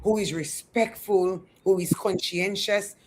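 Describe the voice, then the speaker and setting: A woman's voice: medium pitch, steady tone, noisy background. Effusive woman talk show host. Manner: effusive, slow and deliberate. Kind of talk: interview hosting.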